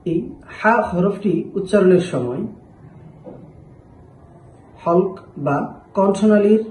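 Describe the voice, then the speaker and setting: A man's voice: high voice, slow pace, a little mellow, roomy sound, a little hiss or hum, rough recording. A man giving a patient pronunciation lesson, drawing out each letter sound as he demonstrates it. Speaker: Arabic letter teacher.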